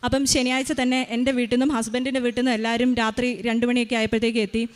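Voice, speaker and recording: Fast-talking mother, tense retelling. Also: fairly high pitch, flat delivery. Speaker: mother giving a faith testimony. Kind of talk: emotional personal testimony.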